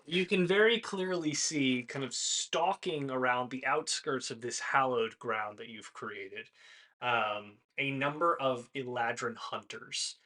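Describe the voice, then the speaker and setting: A man narrating a tabletop game as game master, casually, in halting improvised descriptions. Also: medium pitch, pushed and bright.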